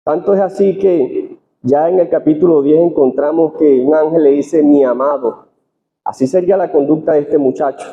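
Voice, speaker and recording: Venezuelan male preacher, a little high-pitched, measured sermon delivery, phone-quality recording in an echoing hall. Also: a little hiss or hum. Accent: Venezuelan Spanish. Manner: reads slowly and deliberately, with restarts. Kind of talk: sermon with scripture reading. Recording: tinny phone-line sound in a reverberant hall.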